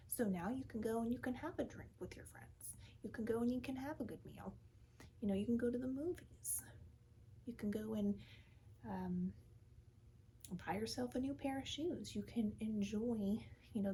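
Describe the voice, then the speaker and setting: A woman speaks as a calm therapist in an ASMR role-play. Her delivery is slow and reassuring, often sinking into a breathy soft voice. The tone is mellow and soft, with some noise behind it. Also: medium pitch, rough recording. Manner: calm, soothing therapist manner; reassuring, gently coaching with short repeated phrases.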